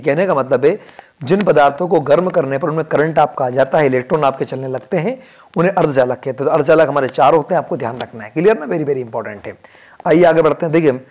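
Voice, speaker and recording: A man with a fairly high voice teaches an exam-prep lesson. He asks quiz questions and answers them himself. He repeats the key facts and keeps checking that his students follow. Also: a little mellow. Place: indoor room where he films.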